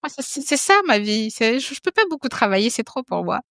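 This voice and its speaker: Fairly high-pitched and a bit bright, this podcast guest in her thirties speaks animatedly and fairly quickly in casual conversation. She is frank, frequently repeats words and restarts sentences, and the studio recording is dry and clean.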